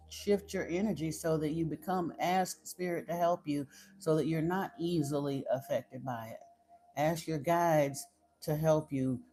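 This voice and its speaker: A Florida livestream host with a medium-pitched, mellow voice answers viewer comments, offering spiritual advice in casual chat. She's chatty and direct but can turn blunt and stern, with lots of fillers and restarts.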